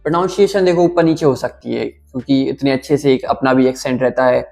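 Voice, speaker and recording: A young man with an Uttar Pradesh accent talks to camera in an easy, unhurried way, pausing with fillers as he thinks aloud. His voice is mellow and dark in tone, at a middling pitch, with soft music playing faintly behind him. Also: creaky. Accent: Uttar Pradesh Hindi. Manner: relaxed, thinking aloud with fillers, slowly sounding out words. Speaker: vlogger learning Russian. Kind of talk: casual talk to camera.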